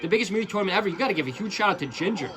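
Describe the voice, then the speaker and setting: A man with a notably high voice commentates fighting game matches for his channel. He calls each play in quick, excitable bursts and keeps breaking into casual chatter aimed straight at his audience. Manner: excitable, rapid play-by-play mixed with chatty asides to viewers. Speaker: esports commentator and channel host.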